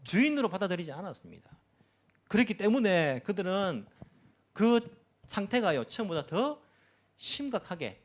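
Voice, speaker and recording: A male pastor preaching a sermon, emphatic, with many rhetorical questions and repeated phrases. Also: a little high.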